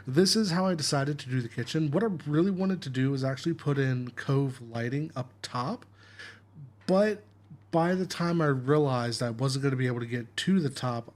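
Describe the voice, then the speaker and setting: A tired man hosting a gameplay video, giving a relaxed, rambling walkthrough and often correcting himself. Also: medium pitch. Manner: rambling, self-correcting, apologetic.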